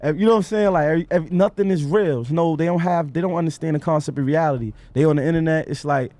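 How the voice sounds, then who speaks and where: A man's voice: a little high, fast talker, mellow, no echo. A man in his twenties with a New York accent, chatting casually as an interview guest in a laid-back, drawling way. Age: 20s. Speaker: rapper guest.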